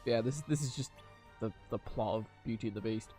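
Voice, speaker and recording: A young game streamer gives casual live commentary on his gameplay, rambling hesitantly and sounding amused. His lowish, mellow voice moves a little fast over the game's music.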